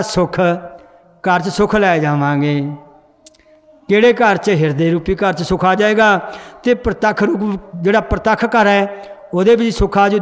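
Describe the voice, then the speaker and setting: High-voiced man teaching in an echoing hall. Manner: quizzes the class and corrects their reading. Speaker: scripture pronunciation teacher. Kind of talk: teaching a recitation class. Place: large hall with a seated congregation. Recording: long hall reverb.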